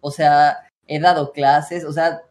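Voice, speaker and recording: A young Mexican man, a streamer and voice coach, talks earnestly in a casual podcast chat, giving advice and often restarting with "o sea." His voice is on the high side yet darkish, slow, with little pitch movement.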